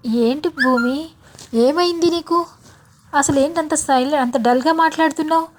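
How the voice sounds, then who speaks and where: A bubbly, affectionate young sister with a teasing streak, put on by a woman telling the story. Her voice sits high and her talk runs quick and lively. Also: slight background noise, lightly acted. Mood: worried.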